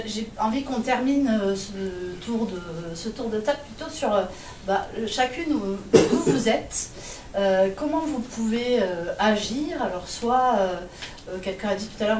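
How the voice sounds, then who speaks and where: A woman moderates a panel and asks lively, searching questions. Her voice is mid-pitched. She is heard from afar in a reverberant room, with clear background noise. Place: conference room. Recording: echoey room, distant mic, noise.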